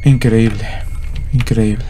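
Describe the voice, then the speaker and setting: A man's voice: fairly low pitch, steady tone, slow pace, warm tone, slight background noise. A man commentating a horror game, nervous and jumpy, yelping and muttering prayers and dropping English slang. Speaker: gamer. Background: game music.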